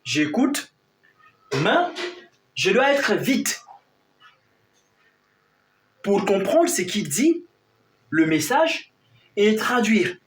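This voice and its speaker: A male teacher explains his lesson slowly and with deliberate emphasis. His voice sits fairly high, and he repeats key points to drive them home. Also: big pitch swings, reverberant, a little hiss or hum. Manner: repetitive, emphatic teaching delivery. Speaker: Chinese language teacher.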